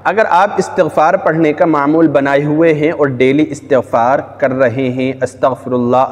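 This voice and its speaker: A man's voice: mid-range voice, big-room sound. A man, a religious scholar, giving earnest religious advice to viewers and repeating phrases for emphasis. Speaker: Islamic scholar.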